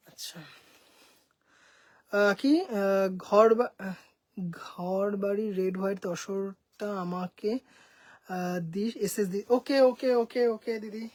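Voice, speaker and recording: A woman's voice: mid-range voice, steady tone, slow, pauses often, darkish tone, dry recording, low-quality recording. A woman with a Bengali accent presenting sarees for sale from her home boutique, enthusiastic and mixing English phrases into her talk. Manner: enthusiastic, mixes English phrases, addresses viewers as sisters. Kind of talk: live sales showcase.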